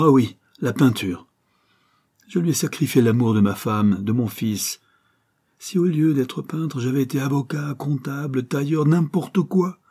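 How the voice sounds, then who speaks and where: A man's voice: mid-range voice, breathy edge, pitched above the performer's own voice. A man voicing a grief-stricken widowed painter who breaks into feverish, exclaiming talk. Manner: anguished then feverishly excited exclamations.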